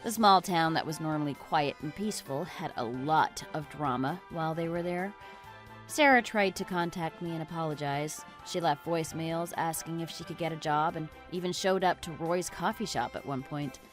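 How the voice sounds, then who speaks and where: A woman's voice: sits low, moderate pace, faint music behind. A woman narrating a text-message story in a scripted, matter-of-fact way.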